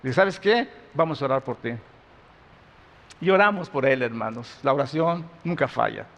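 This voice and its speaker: A male pastor preaching a sermon, moving between loud emphasis and quiet intensity. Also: mid-range voice, expressive, normal speed, long reverb tail, lo-fi sound.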